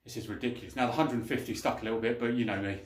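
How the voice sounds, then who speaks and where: A man's voice: mid-range voice, steady tone, racing. A man talking casually and colloquially to viewers between sets of lifting weights, as a fitness vlogger. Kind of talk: casual training vlog talk between sets. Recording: echoey room.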